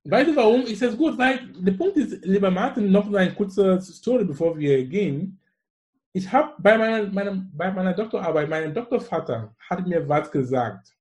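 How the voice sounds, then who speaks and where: This is a conversational interview in which a man from Cameroon, in his forties and with a Cameroonian accent, appears as the guest. His high-pitched, slightly mellow voice moves at normal speed with lively intonation, and his enthusiasm comes out effusive, emphatic and full of repeated phrases.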